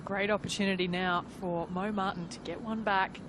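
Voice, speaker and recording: Woman, golf commentator, medium pitch, conversational live TV coverage, clear outdoor noise behind. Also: fairly even intonation, moderate pace. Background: outdoor ambience.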